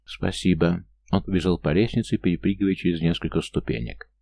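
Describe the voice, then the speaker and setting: A man reading a novel aloud as narrator in steady, measured storytelling. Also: low-pitched, dry recording, studio quality. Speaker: audiobook narrator. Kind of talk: scripted narration.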